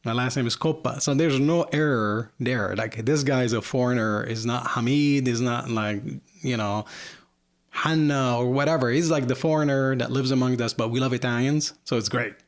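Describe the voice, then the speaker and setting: Speaking at a normal speed in a medium-pitched voice, this man from Lebanon is a podcast guest in a casual conversation at home. He's candid and rambling, leaning heavily on fillers, especially "like" and "you know."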